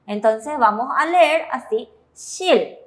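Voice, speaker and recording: A woman teaching Korean syllables, explaining slowly and checking understanding as she goes. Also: a little high, animated, a bit bright. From Paraguay. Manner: slow, careful, checks understanding with "¿verdad?". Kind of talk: classroom explanation.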